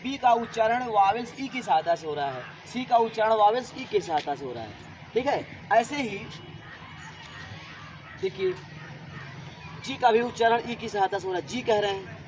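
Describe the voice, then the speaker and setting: A man's voice: high-pitched, lively intonation, moderate pace, long pauses, darkish tone, a little hiss or hum, poor audio. A man teaching a classroom grammar lesson, repeating points and asking his students questions. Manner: repetitive, asks students questions.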